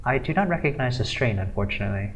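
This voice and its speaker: A man's voice: mid-range voice, expressive, fast talker, soft background music, lightly acted, poor audio. A man voicing a polite, formal medical droid in a tabletop game. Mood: puzzled.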